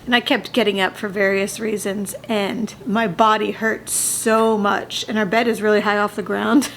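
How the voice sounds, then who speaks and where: A woman's voice: mid-range voice, little pitch movement, moderate pace, gravelly, fairly bright tone, a little hiss or hum. A young woman vlogging in a chatty way, a little out of breath, correcting herself and laughing between sentences. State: slightly out of breath. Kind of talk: casual personal vlog.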